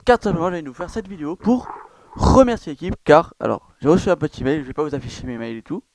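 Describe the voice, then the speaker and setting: A man's voice: fairly high pitch, animated, quick pace, dry recording. A man casually walking viewers through a gaming site, rambling with many fillers and self-corrections. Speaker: gaming YouTuber. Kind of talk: casual screen-recorded walkthrough.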